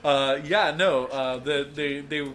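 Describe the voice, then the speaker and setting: A man's voice: on the high side, slow, fairly bright tone, slight background noise. A man co-hosting a casual gaming podcast, easygoing and giggly, often trailing off mid-sentence. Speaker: co-host.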